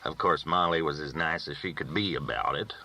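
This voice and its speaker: An audiobook reader with a bass voice narrates a novel as a first-person storyteller, using folksy rural phrasing. He reads a little fast with a bright, forceful tone, though the recording sounds dull.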